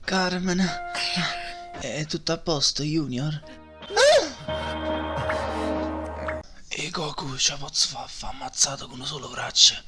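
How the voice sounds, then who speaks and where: A man's voice: on the high side, normal speed, natural voice. A man voicing a worried but determined martial-arts fighter with a Neapolitan accent, colloquial and dramatic, in an amateur cartoon parody dub. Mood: resigned. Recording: music behind the voice.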